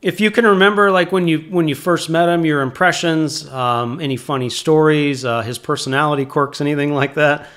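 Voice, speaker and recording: A man's voice: on the high side, fairly even intonation, brisk, few pauses, fairly bright tone. A man in his fifties with an American accent, hosting a casual interview into a close microphone in a home office. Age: 50s. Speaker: interviewer, host. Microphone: close boom microphone.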